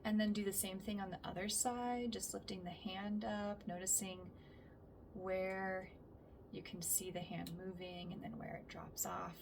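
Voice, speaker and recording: A woman leads a calm grounding exercise in a gentle, mid-pitched voice, her phrases softening as they end. She is recorded a little way from the microphone, with faint noise behind her. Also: measured pace, gravelly. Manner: calm and gentle, trailing off softly at phrase ends. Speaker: somatic practice instructor. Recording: distant mic with faint background noise.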